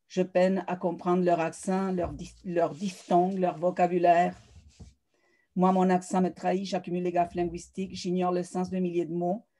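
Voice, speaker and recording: Flat, mellow-voiced woman reading poetry. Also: fairly low pitch. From South America. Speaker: poet.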